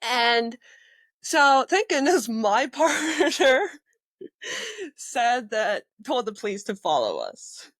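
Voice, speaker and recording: Lively high-voiced woman telling stories. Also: takes it slowly, dry recording. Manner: lively, acts out quotes, laughs often. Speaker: EMT guest. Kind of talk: casual storytelling in a podcast interview.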